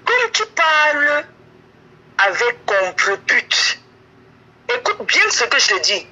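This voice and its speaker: A woman's voice comes through a phone on speaker held away from the mic, high and swooping widely. She scolds and insists, repeating her points. Her tone is sharp and piercing. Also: big pitch swings, slow pace, rough recording. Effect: voice over a phone on speaker, held away from the mic. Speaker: caller on a live stream. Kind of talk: heated phone call.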